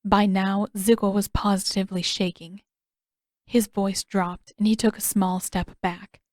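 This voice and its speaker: A woman reading her own fan fiction aloud in a measured, expressive storytelling manner. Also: mid-range voice, no echo, studio quality. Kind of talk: fan audiobook narration.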